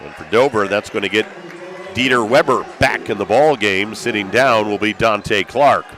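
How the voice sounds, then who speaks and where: Here a fairly low-pitched, slightly bright male voice delivers radio play-by-play at normal speed. He is an American announcer courtside at a basketball game in a packed school gymnasium, with gym ambience and basketballs bouncing behind him.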